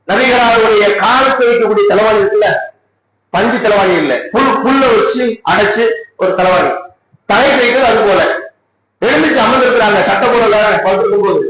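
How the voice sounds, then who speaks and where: A man with a Tamil Nadu accent preaching a Friday sermon in a mosque, impassioned, often shouting with tearful emphasis. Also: high voice. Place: mosque hall. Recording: echoey mosque PA, dull, noisy.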